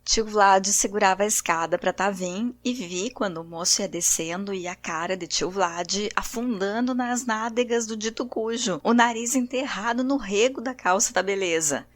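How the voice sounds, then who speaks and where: A woman hosting a literature podcast, reading a grotesque comic story aloud and voicing its characters' quotes with shifts in pitch. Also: normal speed, hardly any pauses. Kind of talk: expressive reading of grotesque fiction.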